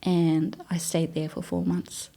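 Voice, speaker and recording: Soft-spoken Danish woman in her thirties, flat gravelly delivery, relaxed interviewee. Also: lowish voice, a little slow. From Denmark. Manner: soft-spoken, relaxed, with frequent fillers and laughs. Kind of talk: casual storytelling interview.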